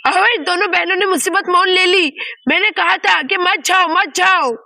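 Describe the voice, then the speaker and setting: A suspicious teacher with a sarcastic, questioning manner and a high, gravelly voice, as a woman acts her out. Close, dry homemade doll-story sound. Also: fairly even intonation, moderate pace, sharp tone, no echo, heavily acted. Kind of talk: doll story play-acting.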